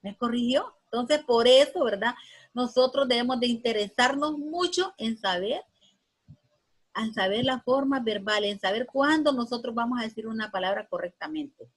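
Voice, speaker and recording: Woman teacher, higher voice, patient and repetitive grammar lesson. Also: animated, breathy edge, poor audio. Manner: patient, repeats words slowly for students.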